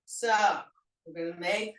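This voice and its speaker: A woman teaching a senior yoga class, giving slow, gentle cues and leading playful laughter exercises. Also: lowish voice, fairly even intonation. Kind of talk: guided exercise class instruction. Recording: echoey room, mic at a distance.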